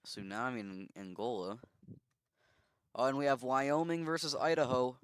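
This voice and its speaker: A man's voice: mid-range voice, normal speed, smooth, no room sound. A man giving casual commentary on a strategy game simulation, musing and thinking aloud with easy asides.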